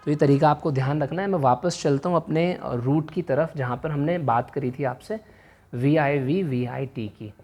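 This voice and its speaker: A man's voice: a little high, moderate pace, a little mellow. A man gives a vocabulary lesson on video, moving between Hindi and English as he talks. He restates each definition in several ways and keeps checking in with the viewer. He writes words out as he explains them. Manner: mixes Hindi and English, often checks in with "right?"; repeats and rephrases each meaning several times. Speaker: vocabulary teacher.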